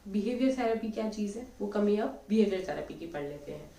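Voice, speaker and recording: A woman's voice: medium pitch, expressive, brisk, dark tone. A woman teacher giving a friendly lecture, mixing English phrases into her speech and acting out quoted examples. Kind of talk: classroom lecture. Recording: echoey room, voice from a distance.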